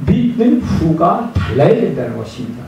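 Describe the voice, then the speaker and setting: Guy pastor giving a sermon, high voice, lots of room echo, faint hiss. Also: normal speed, vocal fry. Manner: lively preaching, acts out quoted scenes in lowered voice. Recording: echoey room from a distance with faint noise.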